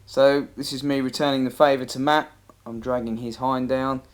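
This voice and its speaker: Over background music, an amateur hunter talks through his own footage in a relaxed, conversational, plain-spoken manner. His mid-range voice keeps a level tone and moves at a normal pace.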